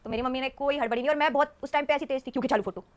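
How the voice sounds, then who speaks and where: A woman's voice: high-pitched, steady tone, racing. A woman, a stage dancer, telling stories as a podcast guest and often laughing mid-sentence. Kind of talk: casual storytelling interview.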